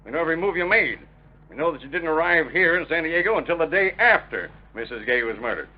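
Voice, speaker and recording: An actor playing a hard-nosed, blunt police officer in a vintage radio crime drama, brusque, clipped and accusing. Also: male voice, a little high, expressive, quick pace. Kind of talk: 1930s-1940s radio crime drama acting. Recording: dull vintage radio recording.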